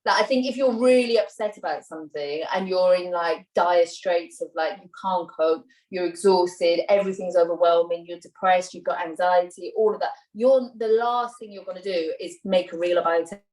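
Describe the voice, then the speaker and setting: A woman's voice: on the low side, steady tone, normal speed, few pauses, a little mellow. Welsh woman, 30s, chatty and rambling, lots of fillers, echoey room, a bit far from the mic. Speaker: interview guest, mother. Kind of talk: casual conversational interview. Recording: roomy sound, voice a little off-mic.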